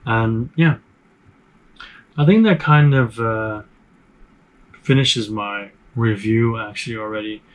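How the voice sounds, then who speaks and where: A man's voice: on the low side, low-quality recording. A man hosting a board game review channel, talking casually to camera in a room full of game shelves, chatty and rambling, with many fillers and restarts.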